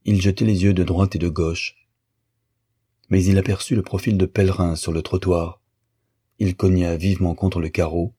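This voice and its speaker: Deep husky male audiobook narrator. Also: dark tone.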